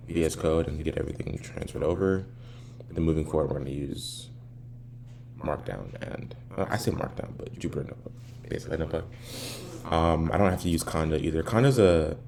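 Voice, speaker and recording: A man thinking aloud in a casual coding vlog, halting and muttering to himself as he drifts into tangents, sounding far from the mic in an echoey apartment. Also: low voice, darkish tone. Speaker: programmer recording himself working. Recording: far-off echoey room, clearly noisy.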